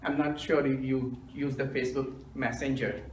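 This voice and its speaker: A man, telling self-mocking jokes in a deadpan storytelling manner as a humorous club speaker. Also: medium pitch, normal speed, a little hiss or hum. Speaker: stand-up speaker. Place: meeting room with audience. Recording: echoey room from a distance.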